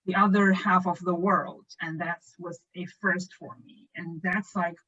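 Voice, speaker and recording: A woman in her late twenties from northern China, speaking English with a Chinese accent, a first language of Chinese, in a thoughtful, measured podcast chat over a remote call. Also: lowish voice, fairly even intonation, bright, forceful tone. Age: late 20s. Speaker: podcast co-host. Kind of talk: casual conversation. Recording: muffled lo-fi call audio.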